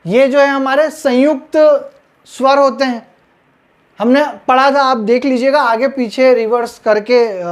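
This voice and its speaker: A woman teaching grammar at a board, explaining step by step and checking in with her students after each point. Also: sits high. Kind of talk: blackboard lesson.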